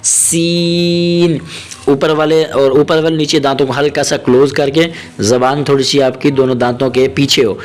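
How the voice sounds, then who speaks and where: A man teaching Quran reading, patiently drawing out each letter sound slowly and repeating drills, with gentle coaching explanations between them. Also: mid-range voice, level tone. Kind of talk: step-by-step pronunciation lesson.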